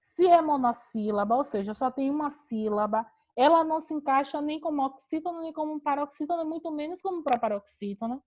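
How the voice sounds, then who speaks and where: A woman's voice: sits high, brisk, few pauses, darkish tone. A woman teacher giving an online class on a video call, explaining step by step with patient rhetorical questions.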